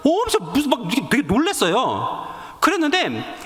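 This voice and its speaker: A man's voice: extremely high pitch, normal speed. Guy telling a story in a sermon, acts out the voices, big reverby church hall. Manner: animated storytelling, acting out cries and prayers. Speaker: preacher. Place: church sanctuary.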